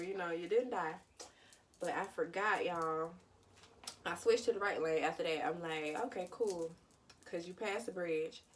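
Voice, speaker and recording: A young woman vlogger, telling a personal story in a candid, casual way with dark humor. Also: on the low side, far from the mic.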